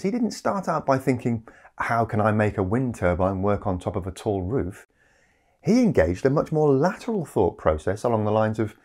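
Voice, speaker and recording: Recorded on a lapel mic in a small indoor home study, a man with a lowish, slightly mellow voice presents a scripted explainer to camera. His delivery is conversational, with rhetorical asides.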